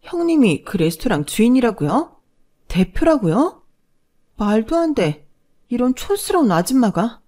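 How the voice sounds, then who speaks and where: A woman voicing a spoiled, haughty young sister-in-law who talks in a shrill, snippy way. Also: sing-song, measured pace, a little mellow. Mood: disbelieving.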